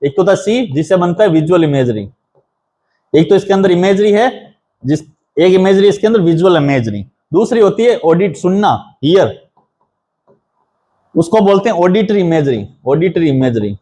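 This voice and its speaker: A male assistant professor, giving a lecture on a poem. He reads the lines slowly, explains each one, and repeats key terms as he counts them out. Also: high-pitched, expressive, warm tone. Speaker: assistant professor teaching English literature.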